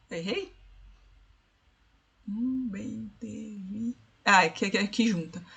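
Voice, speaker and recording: A woman teacher, her voice sitting a little high for a woman. She talks through a screen-shared lesson in a patient, explanatory way. She often stops to ask "né?" and slows right down to count syllables aloud. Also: a bit bright. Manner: explanatory, repeats "né?" and "ó"; slows down to count syllables and spell out rhyme schemes. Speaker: literature teacher. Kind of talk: online tutoring session.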